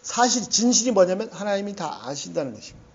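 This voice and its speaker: A man preaching a sermon, animated and conversational, often affirming himself with "yes.". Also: high-pitched, quick pace, muffled recording. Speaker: pastor.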